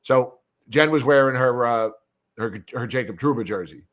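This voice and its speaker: A man's voice: medium pitch, normal speed. A man co-hosting a sports talk show, telling a story and acting out both sides of the conversation with frequent laughs. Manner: animated storyteller, acts out dialogue, laughs often. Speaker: podcast co-host. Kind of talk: casual chat.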